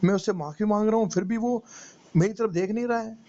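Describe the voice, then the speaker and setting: A man's voice: sits high, fast, mellow. A man, a meditation teacher, narrating a motivational first-person story in an emotional, pleading way. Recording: dull lo-fi recording with faint noise.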